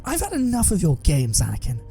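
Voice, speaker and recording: A man's voice: mid-range voice, huge pitch swings, moderate pace, mellow, soft background music. A man voicing a proud male Jedi master who speaks in a raised, strained and indignant voice. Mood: enraged.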